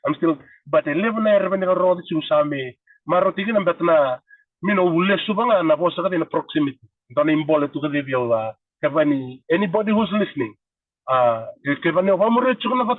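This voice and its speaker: A man's voice: on the high side, dry recording, phone-quality sound. Fijian man, 30s, podcast guest; earnest, code-switching, distant dry sound. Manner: earnest, switching between languages. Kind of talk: casual chat.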